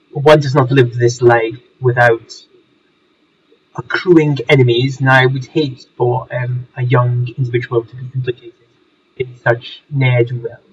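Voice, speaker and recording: A man's voice: mid-range voice, slight background noise, natural voice. Man acting a fussy showman, distant and muffled. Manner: florid, old-fashioned wording with hesitant restarts. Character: long-lived, fussy, mild-mannered male showman. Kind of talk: in-character tabletop role-play. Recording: distant, muffled mic with music underneath.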